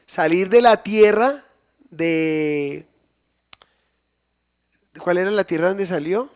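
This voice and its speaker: A pastor preaching a live sermon in church, asking the congregation questions and repeating phrases for emphasis. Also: male voice, high voice, slow pace, a little mellow. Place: church service, recorded live.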